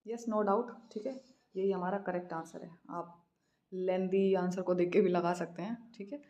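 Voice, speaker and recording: An Indian woman teaching English literature in an exam practice lesson, reading each question slowly and then explaining quickly in a mix of Hindi and English. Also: lowish voice, fairly even intonation, dark tone, lo-fi sound. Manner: repeats "theek hai" after each answer.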